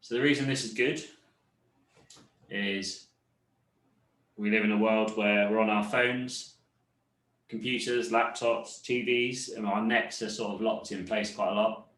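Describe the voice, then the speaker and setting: A man instructor guiding a seated fitness cool-down, explaining calmly and correcting himself as he goes. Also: on the low side, measured pace, pauses often, reverberant, low-quality recording. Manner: calm, explanatory, self-correcting. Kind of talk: leading a seated cool-down class.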